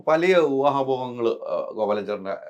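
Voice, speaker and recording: A man interviewing a guest, asking quick questions and giving short agreeing replies. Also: medium pitch, lively intonation, smooth, highs cut off. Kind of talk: casual interview talk.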